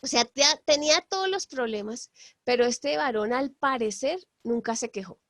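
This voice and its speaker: A woman tutor teaching a Bible lesson over a call, halting with many fillers and apologetic asides while she draws. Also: fairly high pitch, expressive, no echo.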